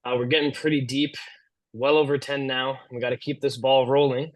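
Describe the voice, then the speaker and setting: A man's voice: mid-range voice, flat delivery, fairly quick. A man hosting a podcast, asking a guest questions in a friendly, easygoing way and laughing along. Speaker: podcast host. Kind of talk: casual interview chat.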